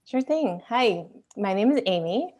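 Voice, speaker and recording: A woman from Chicago, a guest on a video-call interview, introducing herself in a friendly, steady way. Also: mid-range voice, a little slow. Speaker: guest, deck co-creator.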